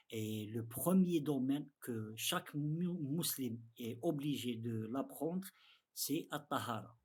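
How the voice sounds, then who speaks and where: A man with an Arabic accent teaches a religious lesson in halting, non-native French. His delivery is slow and his mid-pitched voice has a husky grain. He often repeats phrases as he interprets the lesson for beginners. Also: a little mellow.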